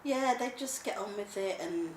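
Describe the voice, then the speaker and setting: A woman's voice: mid-range voice, lively intonation, moderate pace. A middle-aged woman, speaking emotionally and laughing easily in a casual interview. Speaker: interviewee, mother and grandmother. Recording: echoey room with background noise.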